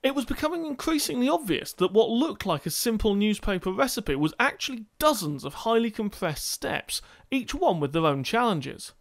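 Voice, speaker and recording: A man's voice: high voice, very animated, normal speed, gravelly, few pauses. A man reading scripted comic narration in a dry, mock-dramatic way.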